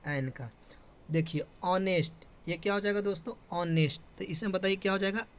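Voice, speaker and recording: High-voiced man drilling a grammar lesson. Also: normal speed, smooth. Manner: repetitive questioning, drilling students. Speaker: teacher. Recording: dull lo-fi classroom recording.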